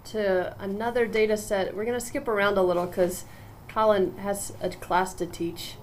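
Woman running a webinar panel, brisk, moves things along, slight noise behind her. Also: mid-range voice, fairly even intonation, rough recording. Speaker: webinar moderator.

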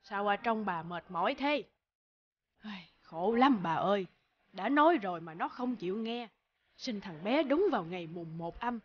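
Older village neighbor, chatty and sympathetic, muffled recording. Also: female voice, medium pitch, lively intonation, moderate pace, husky.

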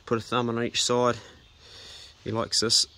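A middle-aged man with a New Zealand accent, a homesteading vlogger, walks through his homestead tasks outdoors on his rural land and in the bush, recorded on a body-worn action camera. He sounds relaxed and practical, calling his dog "good boy" and "mate" to coax it along. His medium-pitched voice is a little slow.

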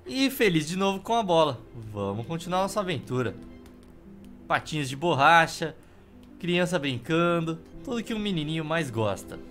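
A Brazilian man streams a game in a slightly high voice, with music playing behind him. He comments casually on what he is doing. His humour is wry and offhand. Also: fairly bright tone. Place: indoor room.

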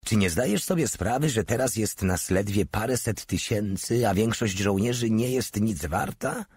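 A man's voice: lowish voice, normal speed, darkish tone, slightly rough. A man voicing a cynical, wisecracking male soldier who mocks and scoffs offhandedly. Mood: mocking. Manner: mocking, offhand.

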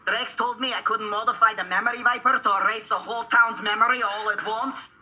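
Boastful male inventor, kids' TV comedy: excitable, very sharp, forceful tone. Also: sits high, a little fast, a little hiss or hum. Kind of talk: children's TV comedy acting.

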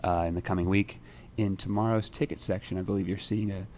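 Young male host, very low voice, laid-back and rambling, faint room hum. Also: fast. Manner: relaxed, rambling, many fillers and restarts. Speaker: music writer and show host. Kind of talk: casual newsroom chat. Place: newsroom studio. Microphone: desk microphone.

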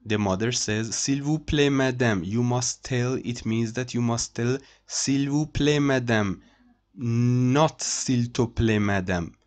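Male French tutor, unhurried, mid-pitched, repeats and translates, typing heard. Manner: slow, repeats each phrase and translates it. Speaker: French teacher. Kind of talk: screen-share language lesson.

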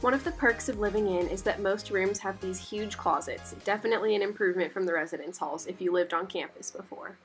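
A woman's voice: mid-range voice, brisk, few pauses, soft background music. A young woman giving scripted voice-over narration for a house tour, upbeat and informative. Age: young adult.

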